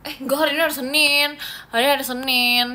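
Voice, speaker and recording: A young Indonesian woman hosts a casual phone livestream as an idol streamer, chatting with viewers, answering comments and laughing often. Her high voice is pushed and bright, with fairly even intonation, and she talks very fast.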